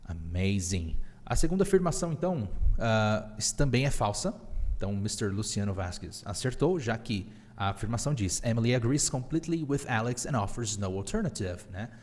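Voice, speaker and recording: A man's voice: lowish voice, expressive, moderate pace, darkish tone, long reverb tail. A man with a Brazilian Portuguese accent hosting a live online English lesson, upbeat and teacherly, mixing English phrases into his explanations. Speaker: English teacher and podcast host.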